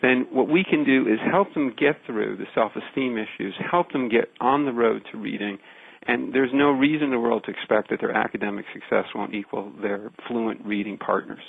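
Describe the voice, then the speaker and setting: A man explaining research as an interview guest, deliberate and emphatic, building points in repeated phrases. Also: medium pitch, gravelly, husky, dry recording. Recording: narrow phone-like radio line.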